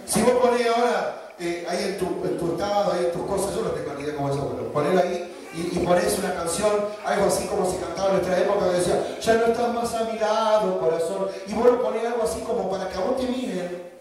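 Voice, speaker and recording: A man's voice: high-pitched, quick pace, a crowd in the background. A man with a Rioplatense Spanish accent preaching a sermon, joking and mocking as he acts out quoted voices. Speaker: pastor. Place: church hall. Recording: echoey church from a distance.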